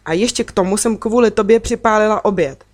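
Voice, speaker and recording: A woman's voice: medium pitch, dry recording, natural voice. A woman reading the lines of a strict, scolding mother in a storybook. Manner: sharp, scolding.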